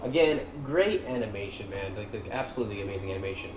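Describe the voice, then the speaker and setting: Speaking fast and with lots of energy in a fairly low voice, a gaming video creator offers casual, excited fan commentary over game cutscenes. The room has a noticeable echo, and cutscene music and other noise play behind him.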